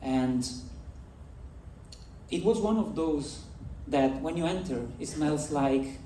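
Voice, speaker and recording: An Italian man gives a storytelling keynote, drawing the audience in with direct questions. His voice is mellow and sits a touch high for a man. The sound is roomy and distant, like a big stage heard from afar. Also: expressive, slow pace, slight background noise. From Italy. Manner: engaging, addresses the audience directly. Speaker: conference speaker. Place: large festival stage. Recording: echoey hall, voice from far off.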